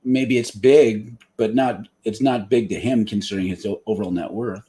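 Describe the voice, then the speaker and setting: A man's voice: on the low side, normal speed. A man co-hosting a podcast in casual discussion, speaking bluntly and sometimes swearing. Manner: animated and blunt, with occasional swearing. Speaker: podcast co-host.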